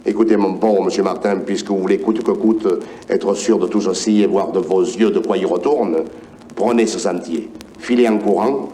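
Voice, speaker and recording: Cast a man doing a tired, patient angel, Provençal accent, low mellow voice, sighing delivery. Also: fairly even intonation, moderate pace, close to an everyday voice. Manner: patient, sighing, matter-of-fact. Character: weary male angel keeping the purgatory register.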